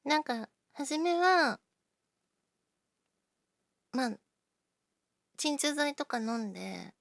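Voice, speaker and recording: A woman chatting casually to her listeners, self-deprecating, often dropping into breathy near-whispers while she talks through an injured shoulder. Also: high-pitched, animated, very slow, fairly bright tone, no echo, clean studio sound. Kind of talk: casual personal talk to listeners.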